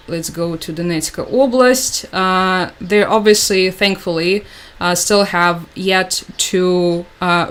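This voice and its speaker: A young woman hosting a livestream, whose first language is Russian, rambles through casual chat with lots of "uh"s and "like"s, frequently restarting her sentences. Her voice sits in the middle pitch range.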